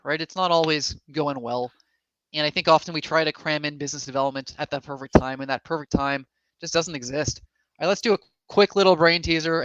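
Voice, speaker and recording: A man's voice: fairly high pitch, fairly bright tone, clear, resonant tone, no echo. An upbeat man with a slightly raised voice hosts an online event over a video call. He talks casually and with enthusiasm to his audience. The sound is dry and a little dull. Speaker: co-host of an online summit, lawyer.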